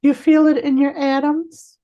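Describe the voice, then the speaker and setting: A woman energy healer guiding a client in a healing session, talking in a soothing, reassuring way with halting restarts. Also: sits high, flat delivery, dull audio.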